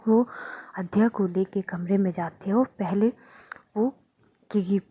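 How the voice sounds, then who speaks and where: A woman narrating a love story casually in a breathy, half-whispered voice. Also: lowish voice. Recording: dull lo-fi dry recording.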